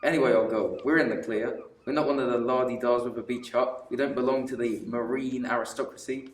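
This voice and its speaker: A young actor in an amateur school radio play voices a teasing, cheeky working-class man on holiday, loud and lively. Speaking a little fast in a medium pitch, he sounds close to his everyday voice, captured on a distant mic with roomy echo and faint hiss.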